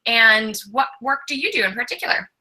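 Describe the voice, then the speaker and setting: Woman host, eager and upbeat, very bright tone. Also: a little high, a little fast, low-quality recording. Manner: upbeat, enthusiastic. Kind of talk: live interview show.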